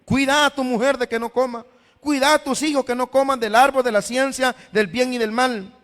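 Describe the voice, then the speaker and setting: Pastor man preaching, high voice, long echo off the hall, keeps saying brother. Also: steady tone, normal speed, fairly bright tone. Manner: preachy, repeatedly addresses listeners as brother; voices imagined questions from the congregation. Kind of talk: sermon. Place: church hall.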